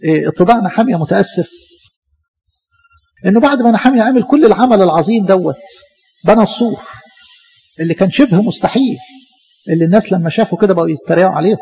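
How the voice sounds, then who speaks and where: A man with an Egyptian accent preaching a sermon, animated and full of rhetorical questions. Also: high voice, quick pace, vocal fry, long pauses, highs cut off. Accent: Egyptian Arabic.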